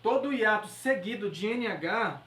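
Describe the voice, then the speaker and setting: An animated woman with a medium-pitched, somewhat bright voice and a Brazilian Portuguese accent takes her time, speaking a little slowly through an exam-prep grammar lesson. She lays things out step by step, asking "certo?" and "beleza?" along the way. Her voice comes from far off the mic in an echoey space.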